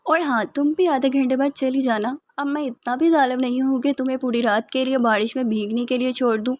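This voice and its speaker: A woman's voice: sits high, steady tone, darkish tone, no echo, close to an everyday voice. A woman voicing a cruel young husband who mocks and taunts his crying wife. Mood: taunting. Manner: taunting, coldly teasing.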